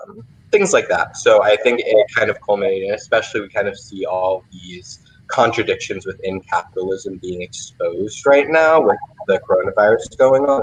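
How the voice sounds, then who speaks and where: A young man with a fairly low voice hosts a relaxed Q&A livestream as a playwright, speaking over remote video. He thinks out loud in an informal way, constantly dropping "like" and "kind of." The recording quality is poor.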